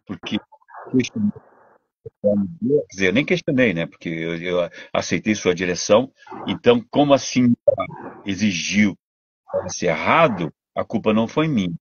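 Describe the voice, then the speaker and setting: An older man with a Brazilian Portuguese accent, a voice actor and dubbing director telling stories in a casual interview, animated and full of restarts. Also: on the low side, moderate pace, slightly rough, no echo, lo-fi sound. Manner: animated storytelling, many restarts.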